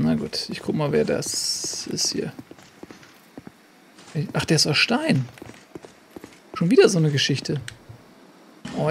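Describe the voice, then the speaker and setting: A man's voice: on the high side, creaky, a little hiss or hum. A man giving casual gameplay commentary as a let's play host, chatty and jokey, talking to himself and the game.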